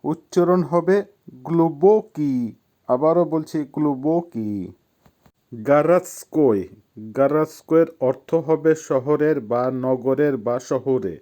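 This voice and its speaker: Slow, methodical male language teacher. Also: a little high, mellow. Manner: methodical and repetitive, each word said twice. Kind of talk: slow vocabulary lesson with repeated pronunciations.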